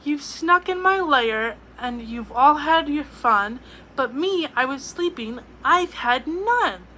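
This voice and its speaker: A woman's voice: high-pitched, lively intonation, slow pace, pushed and bright, slight background noise, heavily acted, rough recording. A woman voicing a big male bear in a storybook, grumpy and whiny after being woken. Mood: aggrieved. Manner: whiny complaining.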